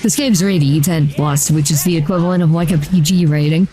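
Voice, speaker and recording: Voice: mid-range voice, a little fast, soft background music. A streamer talking through a voice changer, chatting casually while playing a video game, with a loose, rambling delivery full of "uh" and "like". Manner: rambling, relaxed, with many "uh" and "like" fillers. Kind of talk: casual gameplay commentary.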